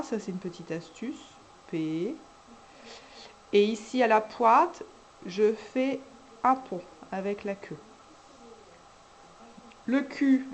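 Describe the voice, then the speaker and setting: A woman teacher calmly explains how to write each cursive letter, naming every stroke as she draws it. Her voice sits at an ordinary middle pitch and stays patient and even. A faint background noise runs under the recording. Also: poor audio. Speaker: kindergarten teacher. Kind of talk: handwriting lesson, step-by-step.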